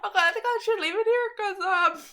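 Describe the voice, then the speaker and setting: Reading aloud on her own channel, this host chats casually with viewers, giggling frequently and wandering off topic easily. She has a very high, fairly bright voice and talks fairly quickly.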